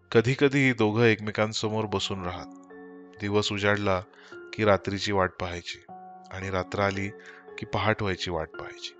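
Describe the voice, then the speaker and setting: Low-voiced male horror storyteller. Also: fairly bright tone. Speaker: audiobook narrator. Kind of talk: scripted horror narration.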